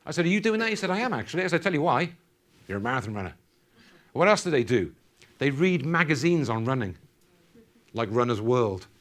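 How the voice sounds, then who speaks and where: A man's voice: medium pitch, big pitch swings, fairly quick, pauses often, fairly bright tone. A man giving a motivational keynote at a conference, quizzing the audience in call-and-response fashion. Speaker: keynote speaker. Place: conference hall.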